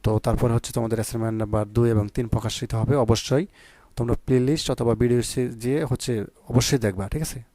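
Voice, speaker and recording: Man, teacher, exam-prep lesson, warm mellow tone, dry close sound, patient explaining. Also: medium pitch, steady tone, dry recording. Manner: explains patiently, often asks "ঠিক আছে?"; slow, measured reciting of poem and story.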